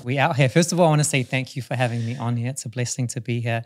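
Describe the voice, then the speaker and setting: A man's voice: mid-range voice, rapid-fire, darkish tone. Laid-back man guest with slangy energy. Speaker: podcast guest, breathwork facilitator. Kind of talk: casual podcast chat.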